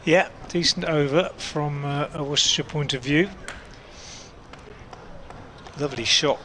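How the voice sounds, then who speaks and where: A man working as a cricket commentator, calling play ball by ball in a measured way with pauses mid-sentence. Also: a little high, fairly even intonation, bright, forceful tone. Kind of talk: live cricket commentary with unhurried ball-by-ball description. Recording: outdoor ambient noise behind voice.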